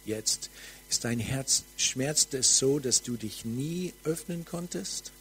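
A man with as his delivers a charismatic sermon at an unhurried, deliberate pace. His voice sits at a middling pitch, fervent and warm in intent, often falling to hushed, intimate appeals. A faint mains hum runs underneath the recording. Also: creaky, poor audio. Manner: slow, fervent, drops to soft near-whispers. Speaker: preacher. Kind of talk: charismatic sermon with prophetic ministry.

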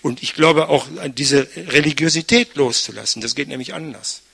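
Gravelly-voiced older man preaching casually. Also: a little high, normal speed, fairly bright tone. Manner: chatty, frequent tag "ne?". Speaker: pastor. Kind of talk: conversational sermon.

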